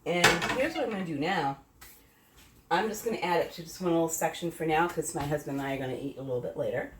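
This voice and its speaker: A woman's voice: deep voice, quick pace, heavy background noise. A middle-aged woman hosting her own home cooking video, chatting casually and rambling as she tastes the food. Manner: chatty, rambling, self-correcting, tasting food as she talks. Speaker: home cooking channel host. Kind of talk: casual cooking demo chat. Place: home kitchen. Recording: echoey kitchen, voice from a distance.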